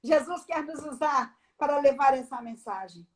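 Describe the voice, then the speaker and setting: High-voiced woman giving a testimony. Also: normal speed. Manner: animated storyteller, acts out the dialogue. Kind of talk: personal testimony on a live stream.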